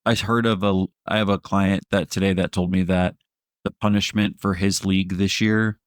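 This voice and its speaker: Low-voiced man in casual sports chat. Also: little pitch movement, normal speed, no echo, studio quality. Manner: rambling, laughs mid-sentence, swears. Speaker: podcast co-host.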